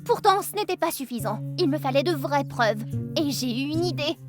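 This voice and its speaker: A woman narrating an animated diary story in the first person, quirky and excitable. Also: high voice, moderate pace. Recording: music behind the voice.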